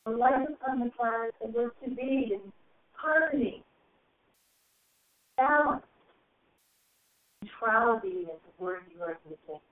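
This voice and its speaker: A woman with a slightly high voice delivers a channeled spiritual message at a very slow, solemn pace, drawing out her phrases and letting them swell. She is heard through a tinny, narrow phone line. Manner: slow, solemn, drawn-out phrasing with soaring rises. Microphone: phone call.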